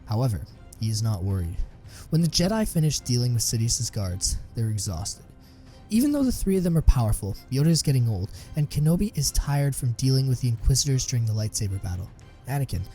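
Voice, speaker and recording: A man giving scripted narration of a sci-fi story in an even storytelling manner. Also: mid-range voice.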